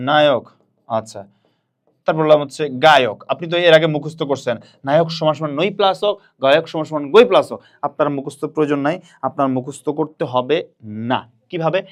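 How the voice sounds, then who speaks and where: Man teaching a grammar class, repeating words. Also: fairly high pitch. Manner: repeats words aloud slowly for students to echo. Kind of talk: online admission-prep grammar lesson.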